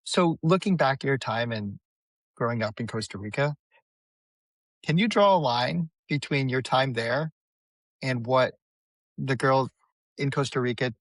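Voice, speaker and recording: A man's voice: mid-range voice, unhurried, pauses often, no room sound, poor audio. Playful man hosting a podcast. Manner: rambling, playful questions with restarts. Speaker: podcast host. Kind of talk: casual interview questions.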